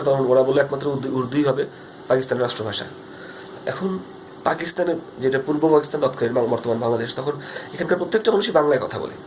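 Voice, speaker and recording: Fast-talking Bangladeshi man on a phone vlog. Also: mid-range voice, a little hiss or hum. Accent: Bangladeshi Bengali. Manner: earnest, rambling with frequent fillers and restarts. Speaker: vlogger. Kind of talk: casual video diary monologue. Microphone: phone front camera.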